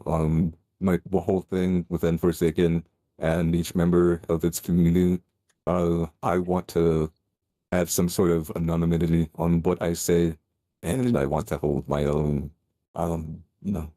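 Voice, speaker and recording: A man's voice run through a voice changer, pushed very low and dark. It sits almost monotone as he rambles through a voice-chat debate, piling up fillers and restarting his sentences. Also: unhurried, dry recording. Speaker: stage speaker in a voice chat.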